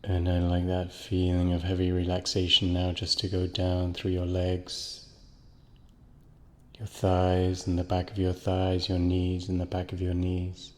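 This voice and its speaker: A man with a very deep, nearly monotone voice leads a guided hypnosis relaxation. He speaks in slow, soothing, repetitive phrases, and his voice trails off into a long reverb.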